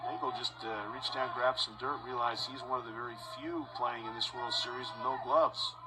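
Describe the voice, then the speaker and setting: A man announcing live baseball play-by-play in a measured voice that rises on big plays. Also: medium pitch, a crowd in the background, low-quality recording. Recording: broadcast with steady background noise.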